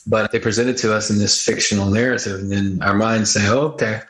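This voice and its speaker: A man's voice: lowish voice, little pitch movement, fast, a bit bright, echoey room, rough recording. A man hosting a casual podcast conversation, talking in a rambling, inquisitive, speculative way. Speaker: podcast host.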